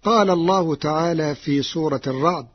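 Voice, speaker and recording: A man giving a formal, measured explanation on radio, repeating words deliberately. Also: fairly high pitch, breathy edge. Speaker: radio presenter explaining reading variants. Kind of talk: formal slow explanatory talk. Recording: dull old radio recording.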